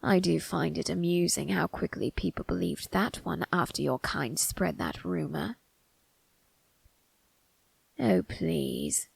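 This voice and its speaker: Woman as the Undertaker, gravelly whispering reaper. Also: sits low, darkish tone, dry recording, full character voice. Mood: amused, menacing. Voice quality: breathy, gravelly, often dropping to a whisper. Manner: slow, theatrical, teasing, morbidly musing. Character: sinister, amused retired grim reaper undertaker, ageless male. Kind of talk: ASMR roleplay monologue. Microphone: close microphone, dry.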